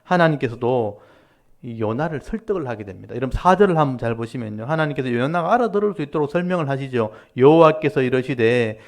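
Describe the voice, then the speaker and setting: A man, a pastor, preaching a sermon and explaining scripture to his congregation in a direct, conversational way, with lively rises and falls for emphasis. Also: mid-range voice, fast. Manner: animated preaching with rising and falling emphasis. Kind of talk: Korean Wednesday-service sermon.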